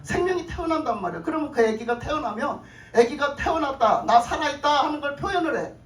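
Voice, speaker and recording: Heard from afar in an echoey sanctuary with a little background noise, a woman pastor delivers her sermon. Her voice is high-pitched and lively, and she talks fast, repeatedly asking the congregation questions, restating her phrases, and chuckling.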